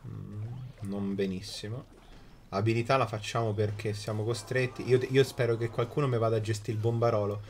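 A man's voice: on the low side, flat delivery, a little fast, a little mellow, a little hiss or hum. A man, commentating a live mobile game emphatically, repeating phrases and swearing in exasperation. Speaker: game streamer. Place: small indoor streaming room.

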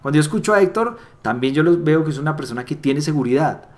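A man's voice: on the high side, quick pace. A man giving a motivational training talk on sales and networking, repeating key phrases for emphasis. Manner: animated, acts out little dialogues with voice shifts.

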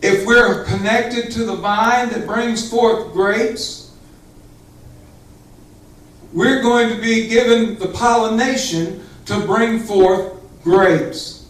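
Preaching a Pentecostal sermon, a middle-aged pastor speaks fervently and emphatically straight to his small congregation in the church sanctuary. His voice sits high with a steady tone, and he takes it slowly. The hall echoes, and he's far from the camera.

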